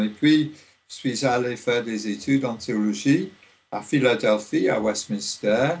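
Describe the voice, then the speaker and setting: An older man from Liverpool, a theology professor, speaking in a radio interview, slowly and with many hesitations. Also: medium pitch, vocal fry. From Liverpool, England. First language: English. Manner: slow, halting, many fillers.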